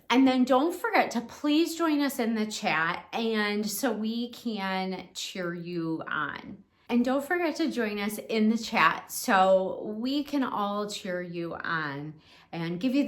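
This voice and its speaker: Woman host, cleaning coach; unhurried, encouraging delivery, chatty with fillers. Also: mid-range voice, fairly bright tone. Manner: encouraging, chatty, with frequent ums and restarts. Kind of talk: casual instructional talk to camera.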